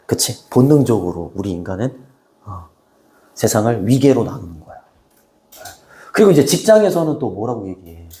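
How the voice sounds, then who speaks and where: A man's voice: mid-range voice, sing-song, normal speed, long pauses, warm tone. A man teaching an English class, talking casually and often asking the students short questions. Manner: casual, chatty, asks students rhetorical questions. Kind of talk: classroom lecture.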